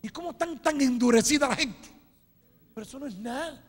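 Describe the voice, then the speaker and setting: A man preaching a fiery sermon as a pastor, dropping low and then shouting, often calling out to his listeners as brother. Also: a little fast, breathy edge. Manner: fiery, swings between low asides and shouted cries; calls listeners "hermano" again and again. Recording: long hall reverb.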